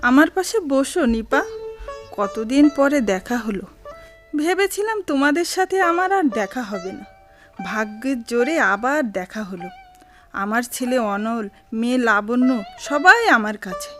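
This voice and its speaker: High-voiced loving mother, old radio show. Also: lively intonation, unhurried, faint music behind. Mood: tender. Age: middle-aged. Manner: emotive, sentimental old radio show delivery. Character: loving, long-suffering middle-aged mother. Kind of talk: radio drama acting.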